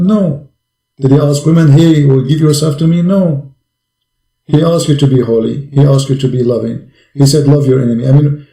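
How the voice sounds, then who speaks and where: A male preacher with a gravelly, dark, mellow voice pleads with a caller. He asks question after question and speaks English with non-native grammar. His voice rings in a roomy, echoing space. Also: medium pitch.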